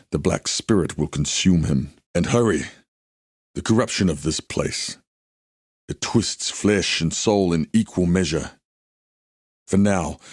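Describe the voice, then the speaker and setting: Haku, deep solemn warrior. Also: male voice, a little mellow, husky, dry recording, clean studio sound. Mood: grave, urgent. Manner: solemn, measured, formal storytelling delivery. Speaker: video game character. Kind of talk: dramatic scripted game dialogue.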